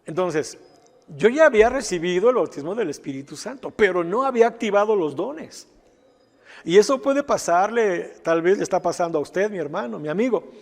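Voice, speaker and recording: A man's voice: high voice, expressive, moderate pace, vocal fry, darkish tone, big-room sound. A male pastor telling a testimony in a sermon, with frequent asides to the congregation. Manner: storytelling, with frequent asides asking "¿verdad?".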